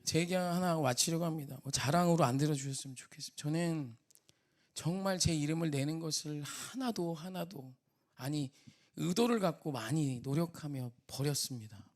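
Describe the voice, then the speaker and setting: A man preaching a sermon as pastor, rising to shouts and dropping to soft near-whispers. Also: on the high side, normal speed.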